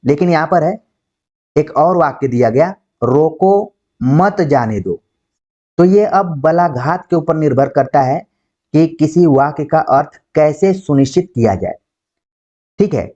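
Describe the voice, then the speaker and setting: Male lecturer, fairly high voice, patient explainer who demonstrates examples; muffled lo-fi audio. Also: mellow. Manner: explains slowly, acts out example words, says "ठीक है" often. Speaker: Hindi teacher. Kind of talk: exam-prep lecture. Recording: dull lo-fi sound.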